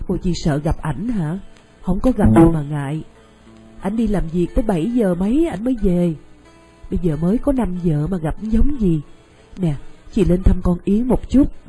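A coaxing, persuasive woman friend in a radio play, played by an actress. Her voice is mellow and a little breathy, and she talks in a reassuring, practical way. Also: lowish voice, expressive, normal speed, soft background music, poor audio. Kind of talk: radio drama acting.

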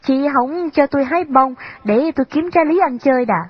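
A woman's voice: high-pitched, a little fast, no echo, pitched above the performer's own voice, natural voice. Woman voicing a naive teasing younger brother. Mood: playful. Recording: slightly dull lo-fi recording.

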